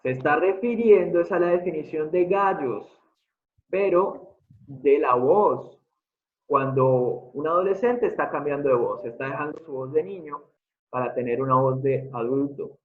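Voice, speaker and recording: A man delivers an online lecture in a fairly high voice, walking through examples and constantly asking his audience what they think. His voice comes through thin and phone-like. The room around him rings with echo. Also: moderate pace. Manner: explanatory, keeps asking the audience questions. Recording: tinny phone-like sound in an echoey room.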